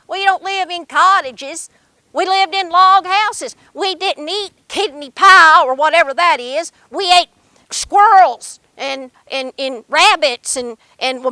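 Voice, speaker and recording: An older woman with a strong, bright voice pitched high and an Appalachian accent. She tells stories and reminisces in a folksy, emphatic manner, in a dry, close sound. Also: no echo. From Appalachian Mountains, Kentucky, USA. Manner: folksy, emphatic, uses dialect grammar. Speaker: storyteller. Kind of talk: live oral storytelling and personal reminiscence.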